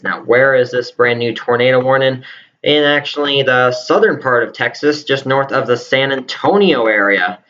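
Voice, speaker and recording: A man's voice: mid-range voice, fairly bright tone, highs cut off. A man giving improvised live weather radar commentary as a storm forecaster, explaining things step by step and repeating key phrases for emphasis.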